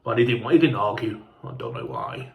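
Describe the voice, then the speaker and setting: A man's voice: mid-range voice, moderate pace, roomy sound. A man telling a casual, rambling travel story, sweary and chatty, sounding hungover and unwell. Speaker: fan vlogger.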